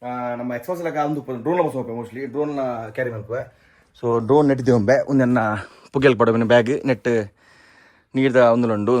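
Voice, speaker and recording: A man's voice: medium pitch, a little mellow. A man casually talking through his riding and camping gear for a vlog, showing items one by one. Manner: chatty, shows items one by one. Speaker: moto vlogger. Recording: faint background noise.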